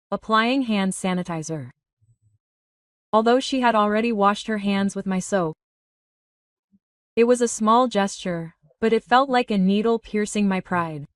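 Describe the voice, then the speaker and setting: A woman reading a first-person story in a steady, even narrating voice. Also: medium pitch, no room sound, clean studio sound, far from the mic.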